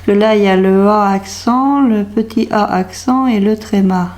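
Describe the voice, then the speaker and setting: Trying out a label maker, a woman from France who makes craft vlogs mutters to herself, sounding hesitant and puzzled as she thinks aloud. She speaks unhurriedly in a mid-range, slightly mellow voice.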